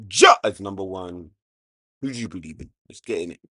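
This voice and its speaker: Bright-voiced joking British host. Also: male voice, sits low, animated, a little fast, slightly rough, no room sound, clean studio sound. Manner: loose, joking, swings from mutters to loud outbursts. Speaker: show host. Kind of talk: casual reaction commentary.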